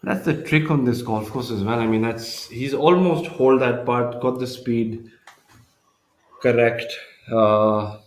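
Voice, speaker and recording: A man working as a golf commentator on a telecast, analysing each shot in a measured, slightly hesitant way. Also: mid-range voice.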